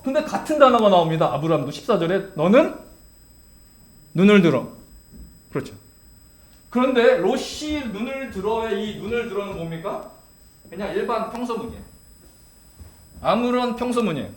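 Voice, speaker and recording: A male pastor delivers a sermon in a voice that sits high, posing questions to the congregation and then answering them himself.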